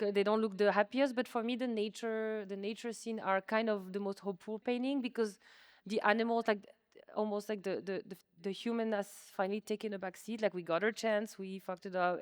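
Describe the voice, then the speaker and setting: In a clean studio recording with no room sound, a woman speaks in a mid-range, clean-toned voice. She's an artist, a native French speaker, interviewed in a museum exhibition space, and she talks informally, poking fun at herself and hedging with lots of "likes."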